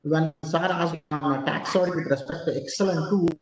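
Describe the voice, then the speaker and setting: A man's voice: on the high side, steady tone, moderate pace, roomy sound. A man presenting in an online seminar, talking hesitantly with many filler sounds. His audio over the video call is distorted and breaks up from a weak internet connection. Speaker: guest presenter.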